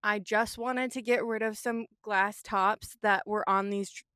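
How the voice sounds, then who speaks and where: Sitting in her parked car, a young vlogger and artist talks unhurriedly in a steady, sharp, medium-pitched voice, and the sound is echo-free. She rambles candidly through a casual vlog and swears offhandedly.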